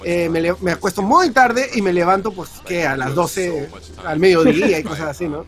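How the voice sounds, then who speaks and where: Peruvian male stream commentator, high-pitched, upbeat and chatty, casual live banter. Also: moderate pace, faint music behind. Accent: Peruvian Spanish. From Peru. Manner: chatty, upbeat, filler-heavy. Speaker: speedrun commentator.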